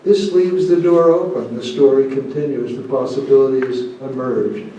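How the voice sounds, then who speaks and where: A man giving the closing remarks of an academic talk, measured and thoughtful, pausing often with fillers. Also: mid-range voice, dark tone. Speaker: conference speaker. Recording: dull, echoey hall from a distance.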